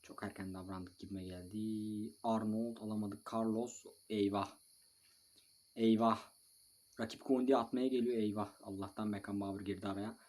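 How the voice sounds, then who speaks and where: A young man commentating live on his own mobile football match. He calls players by name, scolds them, swears a little, breaks into shouts and talks to viewers between plays. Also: lowish voice, flat delivery, moderate pace. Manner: bursts of shouting and mild swearing. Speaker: mobile football gamer and video maker.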